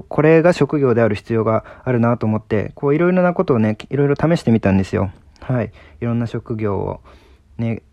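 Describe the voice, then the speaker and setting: A young man gives a calm, earnest solo monologue at a middle pitch, recorded very dry and close. He hesitates often and restarts his sentences, and he closes each thought with a quiet affirming word. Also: no echo. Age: young adult. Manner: calm, earnest, punctuates points with a soft "yes"; frequent hesitant fillers and restarts. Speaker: art student podcaster.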